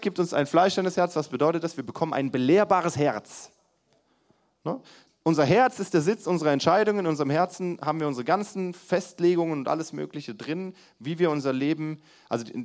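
Lively young man preaching a sermon. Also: a little high. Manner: lively, swings between loud emphasis and quiet asides, talks to the congregation directly. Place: church hall before a congregation.

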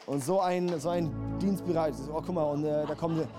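A man's voice: fairly high pitch, fairly even intonation, brisk, over music, crowd noise. A man preaching a sermon, passionate and building to emphatic, repeated calls. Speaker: pastor.

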